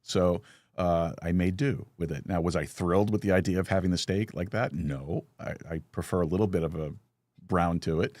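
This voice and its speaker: Telling stories full of restarts and chuckles, a middle-aged podcast host leads a casual live talk show. His voice is deep and darkish, a little fast, and the audio carries no echo.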